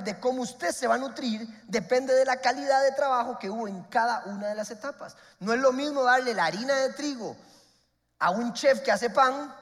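High-voiced man preaching in a hall. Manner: emphatic preaching, repeats key points, swings between loud and soft. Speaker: pastor. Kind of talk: sermon.

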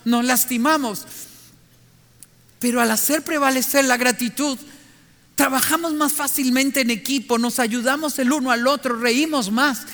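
A middle-aged man delivers an earnest, reflective sermon and turns to his listeners with direct questions. His voice sits very high and sounds bright and forceful. A long reverb trails behind each phrase. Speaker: preacher.

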